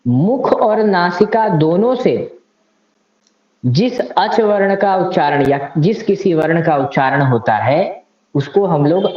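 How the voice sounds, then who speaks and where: A man teaching Sanskrit grammar in a lecture, explaining it step by step and reciting grammar rules with care. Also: on the high side. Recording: echoey, slightly dull room recording.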